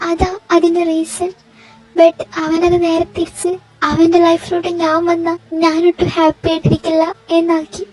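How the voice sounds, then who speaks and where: A woman playing a lovesick young woman in tears, in a fan fiction audio story. Her very high voice breaks and stumbles between words. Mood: hopeless. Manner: halting, tearful, insistent. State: crying.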